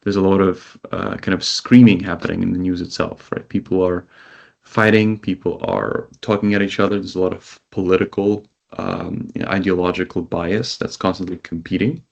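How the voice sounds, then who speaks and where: A man who grew up in Israel, a company CEO, giving measured interview answers over a call and listing things one by one. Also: low-pitched, flat delivery, creaky, muffled recording. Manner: measured, lists items one by one.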